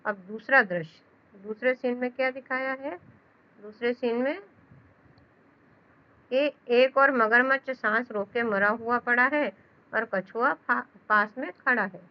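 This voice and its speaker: A woman's voice: a little high, a little slow. A woman teacher explaining a children's story, retelling each line again in simpler words. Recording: dull lo-fi sound.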